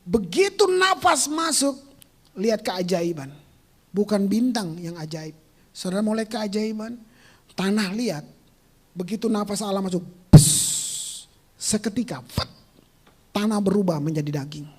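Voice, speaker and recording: Seorang pendeta pria berkhotbah dengan gaya teatrikal dan penuh canda, berganti dari bisikan pelan ke teriakan. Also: male voice, high-pitched, expressive, normal speed. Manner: theatrical, swings from hushed whispers to shouts; jokey and teasing with the congregation. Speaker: pastor. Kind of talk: sermon.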